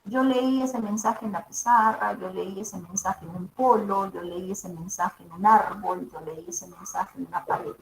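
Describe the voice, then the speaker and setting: A woman's voice: medium pitch, fairly even intonation, a little slow, creaky, few pauses, slight background noise. A woman teacher with a mezzo-soprano voice gives a classroom lecture, checking in with her students after each point. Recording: echoey room.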